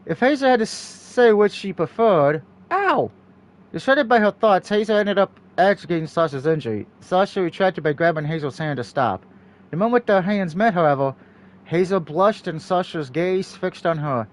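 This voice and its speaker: Male let's play narrator, high-pitched and lively, reading visual novel text with off-the-cuff comments. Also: moderate pace. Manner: acts out dialogue while reading. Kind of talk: reading a visual novel aloud with casual asides.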